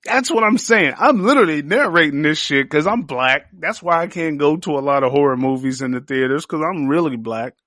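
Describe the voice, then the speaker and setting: A man's voice: fairly high pitch, animated, a little fast, few pauses, a bit bright, dry recording, studio quality. A young man hosting a podcast, reviewing a series in a crude, joking, slangy riff full of profanity. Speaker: podcast host.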